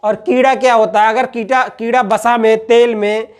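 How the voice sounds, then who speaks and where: A man's voice: very high voice, level tone, normal speed, clean tone. Male lecturer, patient and repetitive, asks questions then answers them. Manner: repeats "ठीक है" after each point. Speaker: teacher. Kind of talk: classroom-style lecture.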